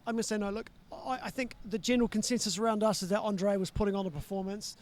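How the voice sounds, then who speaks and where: A male co-host wrapping up a live outdoor event at night. His voice is notably high and he speaks very fast. He hammers his points home with emphatic repetitions. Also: darkish tone. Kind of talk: live event commentary and interview.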